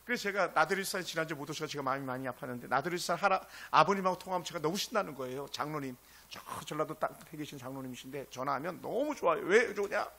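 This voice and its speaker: A male pastor preaching a sermon, impassioned and swinging between loud exclamations and hushed asides. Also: on the high side, expressive, rapid-fire, gravelly, a little hiss or hum.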